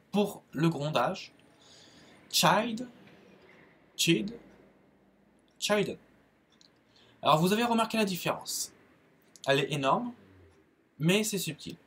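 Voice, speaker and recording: A French man with a French accent giving a casual spoken lesson on English verbs, halting, with many fillers and restarts. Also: medium pitch, fairly bright tone. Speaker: English teacher, channel host.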